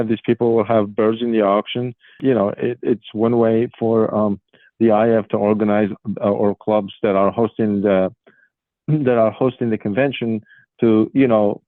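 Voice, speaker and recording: A man's voice: fairly low pitch, no echo. Man in his forties on a tinny phone line. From Morocco. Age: 40s. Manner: earnest, frequent "um" pauses. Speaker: guest, pigeon racing federation official. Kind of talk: casual interview answers.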